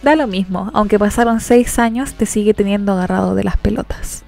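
A woman putting on a cocky teen boy brawler, taunting, gravelly. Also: mid-range voice, a little fast, soft background music, natural voice. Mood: defiant. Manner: taunting, shouting in anger. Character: brash teenage boy fighter, defiant and mocking.

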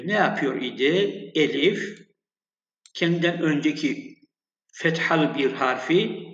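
A man gives a slow, patient lesson on Arabic letters and long vowels. His voice sits a touch high. The recording is echoey and a little dull. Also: fairly bright tone. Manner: slow, patient, repeats sounds and addresses students as friends. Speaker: Arabic teacher. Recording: echoey, dull lo-fi room sound.

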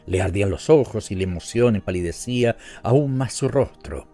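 A man with a Latin American Spanish accent narrating an audiobook story in a measured, even way. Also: fairly low pitch. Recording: soft music underneath.

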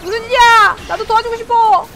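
A woman's voice: extremely high pitch, fairly quick, noisy background. A woman streaming a game, reacting with yelps, laughs and running commentary as she plays. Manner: animated, yelps and laughs, talks to the screen. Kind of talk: excited gameplay commentary.

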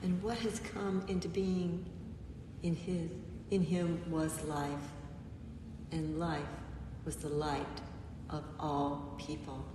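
A woman pastor preaches a gentle, unhurried sermon, pausing often between phrases. Her voice sits a little low and carries a long reverb, as though caught by a mic set well back in a church sanctuary. A faint hum of the room lingers behind her. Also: little pitch movement. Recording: echoey church, mic far off.

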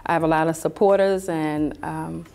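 A woman in her fifties speaking quietly and haltingly in an emotional TV interview. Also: deep voice, fairly even intonation, creaky, clean tone. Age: 50s.

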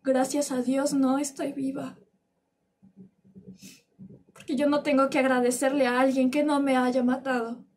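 An actress performing a theatrical monologue as a murdered young woman, defiant and accusing, declaiming slowly and rising to outcries. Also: high voice, level tone, a little mellow. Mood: bitter, accusing. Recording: distant mic.

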